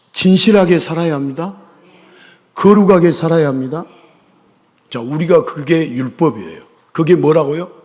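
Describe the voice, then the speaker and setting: A man preaching in a church sanctuary, his voice on the higher side and lively in pitch. He keeps asking the congregation questions and demanding answers, rising loud one moment and dropping hushed the next. Long reverb trails after his words. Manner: call-and-response questioning of the congregation; emphatic, swings from loud to hushed. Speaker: pastor. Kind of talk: sermon.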